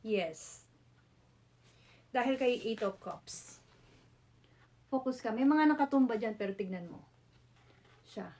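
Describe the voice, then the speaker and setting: A woman's voice: fairly high pitch, expressive, slow pace, pauses often, warm tone. A woman with a Filipino accent doing a casual tarot reading, chatty, mixing Tagalog and English with frequent "no?" tag questions. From Philippines. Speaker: tarot reader.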